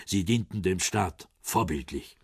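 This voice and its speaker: Here the same role, a heavyset older former East German intelligence officer in a radio crime drama, comes across defensive and sardonic, faltering between pride and dodging. It's a full character voice, low and husky, scornful and proud, recorded at studio quality with no echo.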